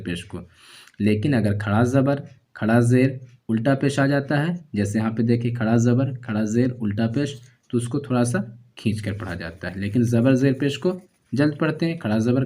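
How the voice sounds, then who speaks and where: Patient guy teaching quran reading, mellow low-ish voice, slow, repeats every sound and stretches syllables.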